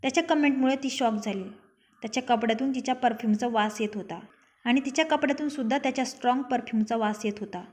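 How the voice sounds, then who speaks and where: A woman's voice: on the high side, fast talker. A young woman narrating her own written love story, reading every character's lines herself.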